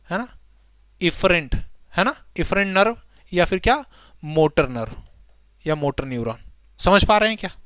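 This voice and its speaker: A man's voice: high-pitched, a bit bright, clean tone, dry recording. A man teaching a biology exam-prep lecture, chatty, asking students questions and answering them himself. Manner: chatty, asks students questions then answers them, uses memory tricks.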